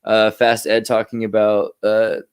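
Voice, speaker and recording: A man's voice: fairly low pitch, completely flat delivery, measured pace, clear, resonant tone. A man co-hosting a podcast, chatting casually and upbeat with lots of filler words. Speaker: podcast co-host.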